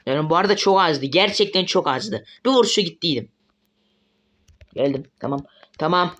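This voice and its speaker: A man giving live gameplay commentary as a mobile game streamer, excitable and swearing often when frustrated. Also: fairly high pitch, moderate pace.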